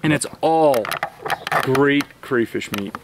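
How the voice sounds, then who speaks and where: A man casually demonstrating how to shell crayfish, talking quickly and animatedly as he explains each step. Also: medium pitch, background noise.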